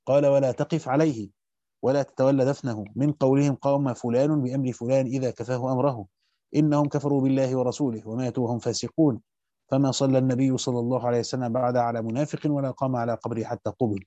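Rapid scholarly male reader, dull dry sound. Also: medium pitch, no room sound. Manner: rapid steady recitation, slows to stress key words. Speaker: teacher reading a Quran commentary aloud. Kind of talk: fast scholarly reading of a classical text with brief comments.

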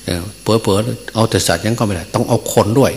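A man's voice: fairly low pitch, fairly quick, creaky, a little mellow. A male Buddhist monk teacher telling a story in a sermon. He speaks in a folksy way, with many filler sounds and chuckles, in a temple hall. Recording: long reverb, faint hum.

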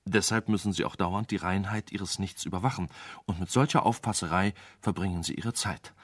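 A man's voice: low voice, fairly quick, dry recording, clean studio sound. A man voicing a frightened wise man in a radio play, pleading and desperate for his life. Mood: explaining.

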